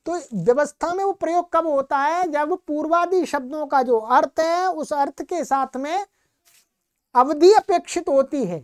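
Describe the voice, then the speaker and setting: A woman's voice: high-pitched, unhurried, a little mellow. A woman teaching Sanskrit grammar in a recorded lecture, explaining patiently and often asking a question before she answers it herself.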